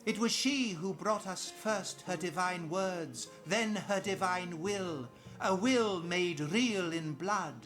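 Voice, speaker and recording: High-voiced, lofty cult priest. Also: male voice, slow, few pauses, fairly bright tone, soft background music. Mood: exalted, haughty. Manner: grandiose, sermonizing, condescending. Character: lofty, zealous cult priest preaching of a blood goddess. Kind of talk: theatrical fantasy game dialogue.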